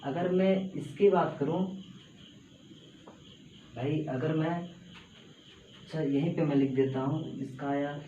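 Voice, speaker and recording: A man's voice: a little high, fairly even intonation, slow, pauses often, mellow. A man teaching a math lesson at a board, repeating steps and coaxing students along. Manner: repetitive, coaxing, says "bhai" and "hai na" often. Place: classroom with a small board. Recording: echoey room, slightly dull audio with faint background noise.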